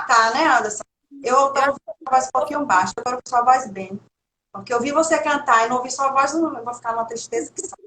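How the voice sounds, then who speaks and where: A woman's voice: fairly high pitch, a bit bright. Brazilian woman hosting an online service. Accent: Brazilian Portuguese. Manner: fervent, flowing prayer phrases; effusive when greeting. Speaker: worship service host. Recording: echoey room with faint background noise.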